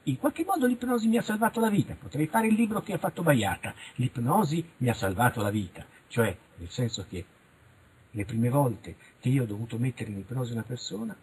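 Middle-aged man, husky and very rough, animated interview guest. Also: medium pitch, brisk, low-quality recording. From Italy. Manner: animated, frank, acts out little dialogues. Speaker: interviewed researcher. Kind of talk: radio interview, casual monologue.

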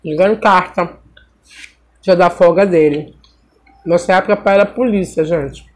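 A middle-aged Brazilian woman telling a personal story in a casual, animated way while eating on camera. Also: fairly low pitch, normal speed. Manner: animated, acts out voices of people in her story. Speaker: mukbang vlogger.

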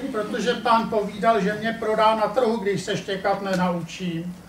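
A man's voice: high-pitched, fairly even intonation, a little hiss or hum, voice pushed up, natural voice. A man voicing a shy, sad young puppy in a live puppet show. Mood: timid. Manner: shy, eager, hesitant. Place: family centre playroom, live puppet show. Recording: echoey room from far off, audience.

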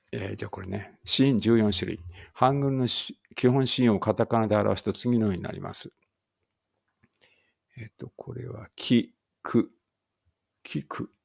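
A man reading a language lesson aloud slowly and carefully, with muttered asides to himself. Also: on the low side, gravelly, husky.

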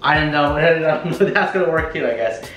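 In this casual vlog, a young American man hosts a challenge video, speaking to camera with plenty of slang and swearing. He talks at a quick pace in a slightly high voice with lively intonation. The echoey home kitchen carries faint background music, captured by a camera mic a few feet away.

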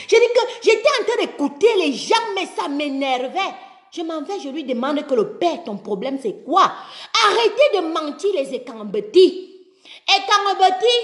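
A woman's voice: high-pitched, a bit bright, roomy sound. A woman from Cameroon ranting live about politics, breaking into sung refrains between her tirades. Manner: passionate, sings chant-like refrains between spoken tirades. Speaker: political video commentator. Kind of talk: live video rant with singing.

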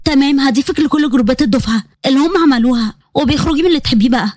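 A woman voicing a chatty, cheerful young female student with an Egyptian accent, friendly and excitable. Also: high-pitched, rapid-fire, dry recording, clean studio sound, close to an everyday voice. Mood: gossipy.

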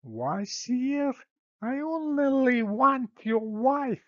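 Man putting on a smug stage-spanish young lover, crowing, high voice, drawled, muffled. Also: lively intonation, extremely slow, no echo, exaggerated voice. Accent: put-on stage Spanish. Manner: smug, crowing, broken English. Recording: slightly muffled dry recording.

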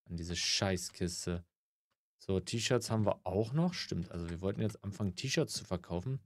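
A man's voice: low-pitched, animated, moderate pace, dry recording, studio quality. A man giving casual gameplay commentary, grumbling and swearing, with mock-polite greetings to customers. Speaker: gaming let's player.

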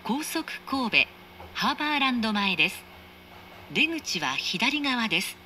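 Inside a train carriage, with faint train noise and ambience behind her, a woman reads scripted announcements over the carriage speaker. Her voice sits on the high side, pushed and bright, very animated yet unhurried, and her manner is polite and formal.

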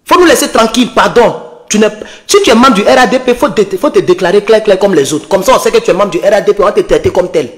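High-pitched Ivorian man ranting scornfully. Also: quick pace. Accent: Ivorian French. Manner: taunting, scornful, repetitive. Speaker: online political activist. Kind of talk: late-night livestream rant.

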